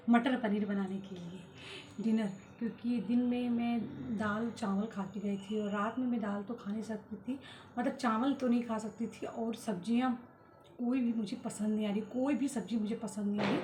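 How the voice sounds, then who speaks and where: A woman's voice: fairly high pitch, fairly even intonation, normal speed, mellow, slight background noise. A young woman vlogging casually about her day, tired and feverish, complaining as she goes about her chores. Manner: tired, complaining, talking through daily chores. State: feverish and worn out. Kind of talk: casual vlog monologue.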